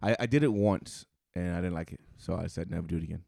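A man's voice: low-pitched, fast, gravelly, warm tone, no room sound, clean studio sound. A man in his forties co-hosting a casual podcast, laid-back, laughing often and swearing casually. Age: 40s. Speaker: podcast co-host. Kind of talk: casual chat.

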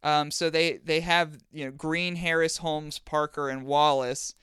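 A man with a fairly high, exceptionally clean, smooth voice. He banters casually like a podcast co-host, profane and joking, in a dry recording with no room sound. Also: fairly even intonation, a little slow, a bit bright, no room sound. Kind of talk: casual banter, riffing on classified ads.

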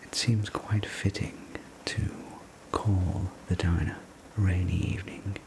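A man telling a sleep story as a whispered role-play, gentle, soothing and unhurried, speaking as a server looking after a guest. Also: low-pitched, level tone, poor audio. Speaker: sleep story narrator playing a night-shift diner server.

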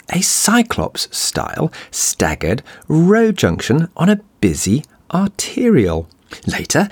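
A male podcast host with a croaky, hoarse voice, reading scripted narration. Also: medium pitch, dry recording. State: hoarse from shouting.

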